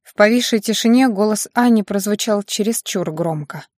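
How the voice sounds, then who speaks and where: A woman reading a fantasy story aloud in steady, scripted audiobook narration. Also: mid-range voice, normal speed, dry recording, clean studio sound.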